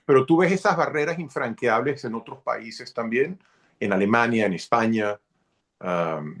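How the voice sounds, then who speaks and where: Man hosting an interview, mid-pitched voice. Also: normal speed, a bit bright. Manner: brief prompting questions and acknowledgements. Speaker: host. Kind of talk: interview questions.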